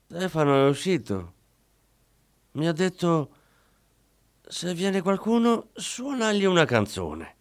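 A man voicing a weary elderly mother in a storybook reading, speaking in a high, slow, fragile and partly hushed voice. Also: big pitch swings, no echo, heavily acted.

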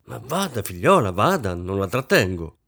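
A man voicing a fussy, vain, middle-aged rich woman who snaps orders in a shrill, overwrought way. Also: very animated, moderate pace, creaky, a bit bright, exaggerated voice. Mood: peevish.

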